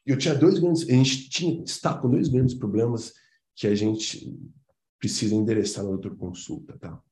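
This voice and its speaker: A man's voice: mid-range voice, steady tone, normal speed, darkish tone, reverberant. A man giving an informal business presentation to a committee, talking loosely with lots of fillers and slangy interjections.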